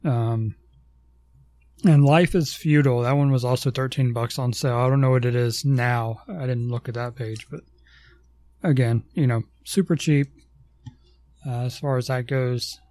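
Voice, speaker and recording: A man on a podcast who talks in a low-key, hesitant way and fills pauses with ums. His voice is mellow and warm. The recording is dry and close. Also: fairly even intonation, no room sound. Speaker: podcast co-host. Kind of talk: casual chat.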